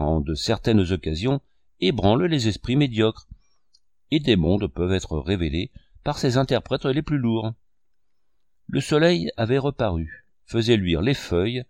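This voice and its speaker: Male narrator for a classic novel; measured and expressive, low-pitched, dry recording. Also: no room sound. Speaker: audiobook narrator.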